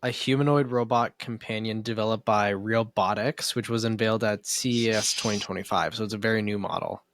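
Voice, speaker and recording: A young man co-hosting a podcast in casual chat, wry and jokey with quick asides. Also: on the low side, fairly even intonation, fairly bright tone, no room sound. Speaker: podcast co-host.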